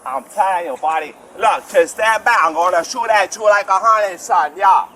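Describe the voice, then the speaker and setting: A man shouting erratic, profane threats at a police officer outdoors, recorded on a bodycam. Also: sits high, normal speed. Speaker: detained man yelling at officer. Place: outdoors on a street. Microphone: picked up by officer's bodycam. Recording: bodycam audio with faint street noise.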